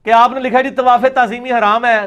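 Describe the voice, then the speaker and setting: A man's voice: very high-pitched, level tone, fairly bright tone. A man giving a religious lecture, arguing and mocking his opponents' views. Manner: mocking, argumentative, mimics opponents.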